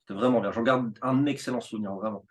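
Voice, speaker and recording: A man's voice: mid-range voice, quick pace. Chatty man telling his story. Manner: animated storytelling with many fillers and restarts. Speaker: interview guest, teacher. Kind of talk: casual conversational interview.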